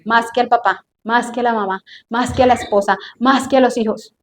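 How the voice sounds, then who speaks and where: A woman's voice: on the high side, steady tone, fairly quick. A woman preaching a sermon to a congregation, emphatic and drawn out, with questions thrown to the listeners. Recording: echoey room, faint noise.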